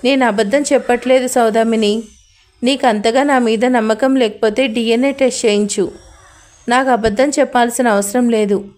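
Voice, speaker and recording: Lady voicing a stern dad, firm and curt, still kinda high pitched. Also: fairly even intonation, moderate pace, a little mellow, lightly acted. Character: stern protective father, a man.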